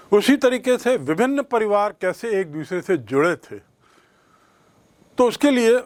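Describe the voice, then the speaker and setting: A man teaching a history lesson, explaining slowly and repeating key terms for his students. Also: fairly high pitch, no room sound. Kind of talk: classroom history lecture.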